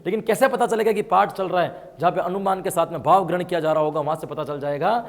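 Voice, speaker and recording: A man's voice: sits high, steady tone, fast talker. A man teaching an exam-prep lesson, explaining answers and asking his students questions as he goes. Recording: long hall reverb.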